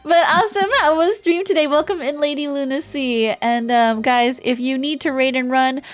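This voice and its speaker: A woman's voice: sits high, steady tone, normal speed. A woman streamer chatting casually on a livestream in a cute, bubbly anime-streamer manner. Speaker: streamer, variety VTuber hosting a voice-acting stream. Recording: music behind the voice. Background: music.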